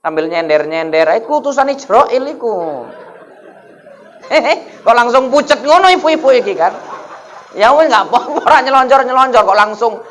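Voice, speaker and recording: A man's voice: extremely high pitch, animated, moderate pace, fairly bright tone. A man, preaching a humorous sermon in a mosque and often calling out to the crowd for replies. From North Sumatra, Indonesia. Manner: jokey, keeps asking the crowd for replies.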